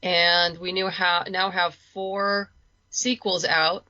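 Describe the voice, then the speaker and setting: On a dull lo-fi voice track with no echo, a woman's lowish, slow voice stays fairly flat in pitch yet sounds pushed and bright. She's a writer and producer guesting on a podcast, chatting casually, chattily and with a touch of self-deprecation.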